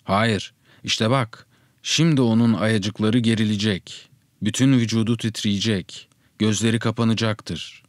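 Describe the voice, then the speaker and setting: A man reading the lines of a calm, matter-of-fact father out hunting, speaking slowly and evenly. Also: lowish voice, no room sound, clean studio sound, lightly acted. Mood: explaining. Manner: slow, measured, unruffled.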